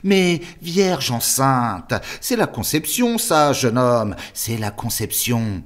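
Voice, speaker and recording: A man's voice: lowish voice, unhurried, voice pushed up. A man voicing a fat, balding, leering older seminary superior who drags out his syllables with a sneer.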